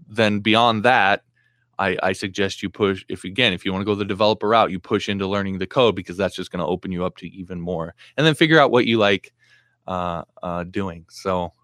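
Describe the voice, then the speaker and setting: A man with a low, deep voice hosts a casual live stream Q&A, reading out viewer comments and answering them in a blunt, practical way. He talks loosely, with plenty of fillers and false starts. The sound is close and dry, with no room around it. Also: a bit bright, no room sound. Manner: reads viewer comments aloud and answers plainly, frequent fillers and restarts.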